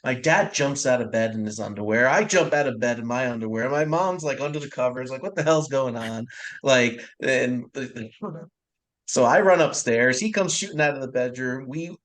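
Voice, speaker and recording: A man from the New York area tells a funny story on a casual podcast. His voice sits at an ordinary pitch, and he talks with energy and laughs easily. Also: normal speed, fairly bright tone, rough recording. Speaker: podcast co-host.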